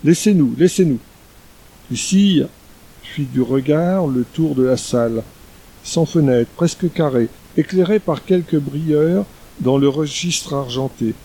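A man narrating an audiobook in a steady, even storytelling manner. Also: fairly high pitch, measured pace, slightly rough, poor audio. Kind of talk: scripted narration.

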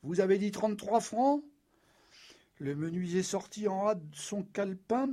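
A man's voice: sits high, lively intonation, unhurried, mellow, pitched above the performer's own voice. A man voicing an arrogant young officer who cuts others off and gives short commands. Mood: curt. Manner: curt, commanding, dismissive. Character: arrogant, domineering young male officer bargaining. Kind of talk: audiobook character voice.

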